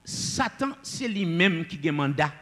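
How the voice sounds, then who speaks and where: A man preaching a sermon, swinging between loud declamations and low asides. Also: sing-song, unhurried, in a large hall.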